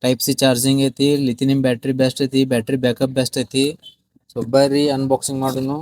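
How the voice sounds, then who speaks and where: A shop video host with a North Karnataka Kannada accent presents a product in casual unboxing style, mixing English words into repetitive sales patter. His medium-pitched, darkish voice is completely flat and a little fast, with no room sound.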